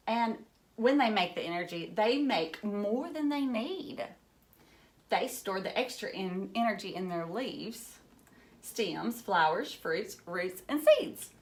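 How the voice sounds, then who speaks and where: A woman teacher with a mid-range voice reads a children's book aloud, offering simple, encouraging explanations in short phrases and asking questions of her young listeners.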